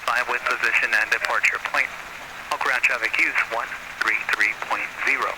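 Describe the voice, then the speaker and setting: Man reading the airport weather broadcast over the radio, steady and clipped, heavy static and engine noise under it. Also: mid-range voice, normal speed. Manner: steady, clipped, formal number-by-number delivery. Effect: airport weather broadcast over aircraft radio. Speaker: automated airport information broadcast. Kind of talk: flat recorded weather and runway readout.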